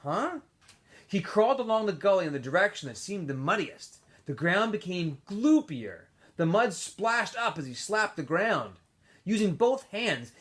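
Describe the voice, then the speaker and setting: An adult male teacher with a high-pitched voice reads a novel aloud to students. His delivery is expressive, with little asides and self-corrections along the way.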